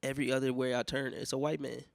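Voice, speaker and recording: Gravelly-voiced young man ranting casually. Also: medium pitch, fast, no room sound, clean studio sound. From United States. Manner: profane, rambling, animated storytelling with loud mock outbursts. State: sick with a cough and congestion. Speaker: podcast host. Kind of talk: casual solo monologue.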